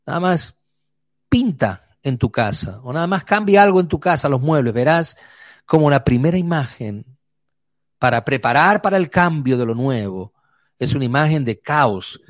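A man preaching a sermon, vivid, moving between quick runs and slow emphatic words. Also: on the high side, animated, no room sound, studio quality.

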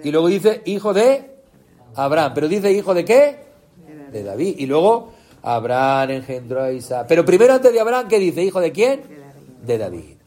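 A man preaching an impassioned sermon, asking the congregation questions and swinging between shouts and low, quiet lines. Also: big pitch swings, moderate pace.

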